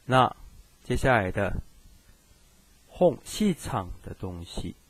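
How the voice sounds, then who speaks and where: Husky male language teacher. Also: fairly low pitch, very animated, takes it slowly, fairly bright tone. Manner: chatty, reassuring, addresses students directly. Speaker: Japanese grammar teacher. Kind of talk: recorded screen lesson.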